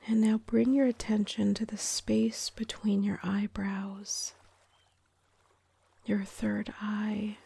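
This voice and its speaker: Soothing and soft-spoken, a woman who teaches yoga and guides meditation speaks in a mid-range, breathy whisper. The delivery is very even, mellow, and gentle, with calm, unhurried rhythm and long pauses.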